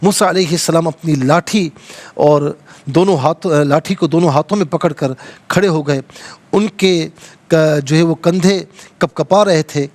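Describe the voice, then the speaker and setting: A man's voice: on the high side, a little mellow. A man from Pakistan hosting a televised religious lesson, explaining verses and patiently correcting callers' recitation. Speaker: Quran teacher and TV host. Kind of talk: religious lesson with live call-ins. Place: TV studio.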